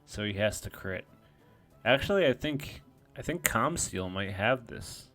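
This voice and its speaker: A man's voice: fairly low pitch, animated, unhurried, pushed and bright, faint music behind. A man giving casual, self-deprecating play-by-play commentary on a competitive game, thinking aloud as he goes.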